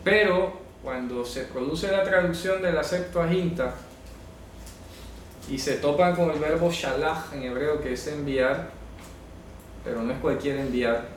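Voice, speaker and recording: A man with a fairly high voice speaks a little slowly while teaching a Bible class, walking through words step by step and asking "¿ya?" to make sure students follow. He corrects pronunciation insistently. He sits far from the mic in an echoey room, with a faint hiss or hum.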